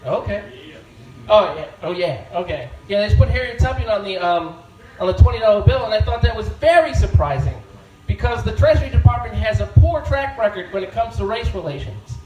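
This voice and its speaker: High-voiced deadpan stand-up comedian. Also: male voice, fairly quick, dull audio. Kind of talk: open-mic stand-up set. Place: bar stage. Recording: echoey bar room from far off.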